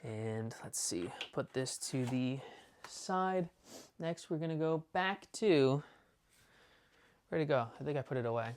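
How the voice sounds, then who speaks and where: A man's voice: mid-range voice, expressive, darkish tone, clear, resonant tone. Male collector host, casual unboxing chat, rambling and enthusiastic, heavy on fillers. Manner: talks fast at times. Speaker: movie collector showing his discs.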